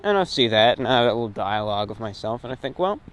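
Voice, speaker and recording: A man hosting his radio and online show talks fast and with lots of animation, his mid-range voice a bit bright. He's recording while walking outside, ambient noise clear in the background, rambling casually and reflectively in short bursts.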